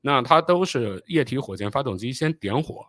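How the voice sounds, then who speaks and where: Guy hosting a live stream, talks through rocket stuff, lots of uh pauses, dry close sound. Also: mid-range voice, expressive, a bit bright, dry recording. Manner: explanatory, with frequent filler pauses; apologetic and hurried while fixing playback. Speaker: channel host.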